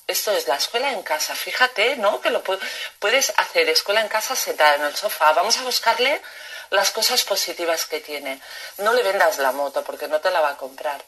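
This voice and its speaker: Low-voiced Spanish woman explaining. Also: fairly bright tone. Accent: Spain Spanish. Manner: explanatory, often checks in with "¿sí?" and "¿no?". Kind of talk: live chat with viewers.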